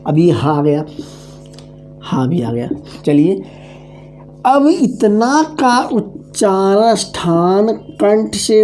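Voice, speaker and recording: A man delivers an online exam-prep grammar lesson in a mellow, unhurried voice. He chants syllables and memory formulas over and over and keeps pausing to make sure his students follow. Faint music sits under his voice. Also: high voice. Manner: drills syllables slowly, keeps checking understanding; repeats mnemonic formulas aloud. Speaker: teacher.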